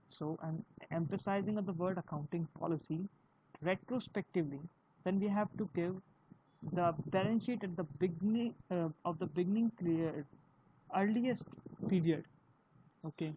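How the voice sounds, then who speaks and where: Indian-accented accounting tutor, mellow tone, halting delivery, dull lo-fi recording. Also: mid-range voice. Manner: halting, with frequent "you know" fillers. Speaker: accounting teacher. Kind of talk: explanatory video lesson. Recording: dull lo-fi recording with faint hiss.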